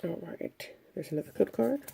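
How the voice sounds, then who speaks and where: A woman giving casual commentary as she opens trading card packs, listing each card one by one in an unhurried way. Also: lowish voice, expressive, creaky, dark tone, slight background noise. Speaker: card collector opening packs. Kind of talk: casual pack-opening commentary.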